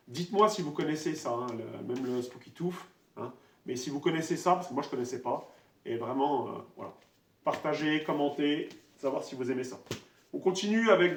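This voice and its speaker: A man casually presenting his vinyl records one by one, talking in a relaxed, halting way with many fillers. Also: mid-range voice. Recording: roomy echo, voice a bit far from the mic.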